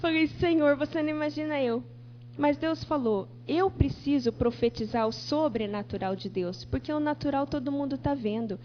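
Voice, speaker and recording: A woman's voice: high voice, normal speed, hardly any pauses. A woman preacher giving a sermon in church, telling her story and acting out the conversations in it. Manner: animated storytelling, acting out dialogue. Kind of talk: testimony sermon. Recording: dull church TV recording with faint hum.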